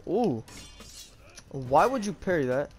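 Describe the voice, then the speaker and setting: A gaming YouTuber talks slowly in a sing-song, slightly high voice over soft background music. His live play-by-play is casual and slangy, laced with plenty of profanity.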